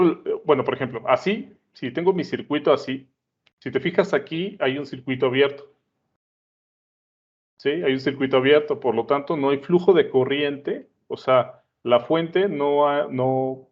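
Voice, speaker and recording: A man teaches in a loose, conversational way, regularly checking that his listeners follow. His voice sits at a middle pitch. The recording is dull and lo-fi. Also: moderate pace. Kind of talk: explaining at a whiteboard. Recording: dull lo-fi sound.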